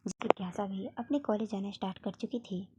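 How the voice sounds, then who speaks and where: A woman's voice: mid-range voice, fairly even intonation, fast, very noisy. A woman narrating a family love story and reading all the characters' lines in a casual, conversational way. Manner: reads every character with small shifts in her own voice.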